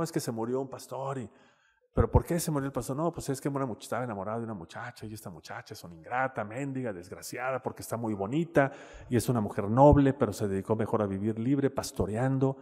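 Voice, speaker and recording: A man's voice: medium pitch, dark tone. A man with a Mexican accent giving a casual, conversational lecture with slides as a panelist, often tagging on "¿no?". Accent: Mexican Spanish. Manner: conversational, peppers speech with "este" and "¿no?". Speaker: panelist speaking on literature and mental health. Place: lecture room at a university campus. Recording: reverberant hall sound.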